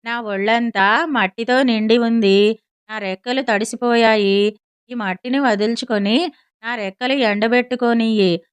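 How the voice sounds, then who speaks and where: A woman's voice: fairly high pitch, steady tone, measured pace, clear, resonant tone, dry recording, close to an everyday voice. A woman voicing a small clever sparrow. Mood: bargaining.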